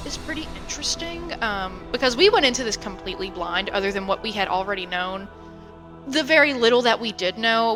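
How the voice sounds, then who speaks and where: A woman co-hosting a podcast, talking in a chatty, animated way with a fairly high, bright voice. Her voice carries a long reverb, and faint music sits under it. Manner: chatty, animated, laughs easily. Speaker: podcast co-host. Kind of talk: casual chat.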